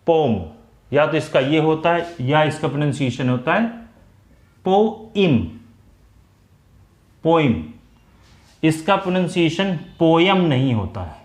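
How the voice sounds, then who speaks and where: A male teacher with an Indian English accent delivers an unhurried grammar lecture, moving between Hindi explanation and slowly spelled-out English examples. His voice sits a little high for a man and carries a noticeable room echo. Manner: slows sharply to spell out English example sentences.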